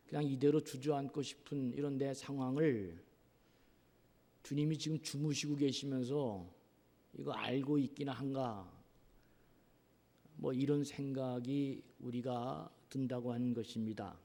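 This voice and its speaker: A man preaching a sermon as pastor, earnest, asking rhetorical questions and pausing on drawn-out fillers. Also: mid-range voice, mellow. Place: church sanctuary. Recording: long reverb of a church hall.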